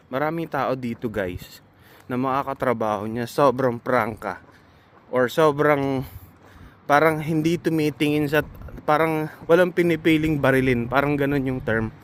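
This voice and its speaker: A Filipino man with a mid-range voice gives casual, earnest advice to fellow nurses in a vlog. He sounds reassuring, talks at a normal speed, and uses lots of hesitant fillers. A little hiss or hum is audible.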